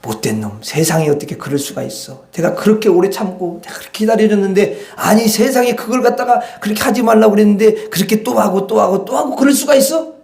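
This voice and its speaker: A man's voice: high voice, fast, gravelly, hardly any pauses. A man playing a furious parent scolding and disowning a child, raising his voice in a roomy church. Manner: shouting, scolding.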